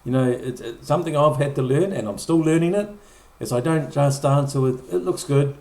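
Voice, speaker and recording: A man's voice: on the high side, brisk, dark tone. A middle-aged man preaching a conversational sermon, often repeating or restarting words and acting out short quoted lines. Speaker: pastor. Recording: echoey room.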